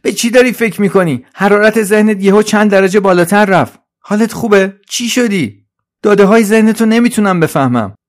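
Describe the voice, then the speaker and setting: A man voicing an anxious, chattering shopping-cart robot in a high, pleading, fussy voice. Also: lightly acted. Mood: fretful.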